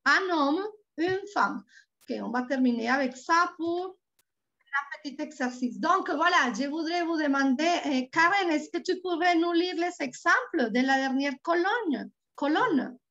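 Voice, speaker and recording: A woman with a Colombian Spanish accent, a native Spanish speaker, tutoring French over a video call. She repeats words slowly and patiently. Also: high-pitched, lively intonation, a bit bright. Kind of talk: online language lesson. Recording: dull lo-fi online call audio.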